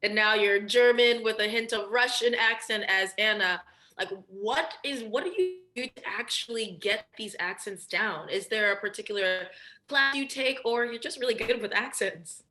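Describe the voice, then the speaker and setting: A woman's voice: a little high, moderate pace, bright, forceful tone. A woman interviewing actors at a press junket, asking questions in an upbeat, complimentary way. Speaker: entertainment interviewer.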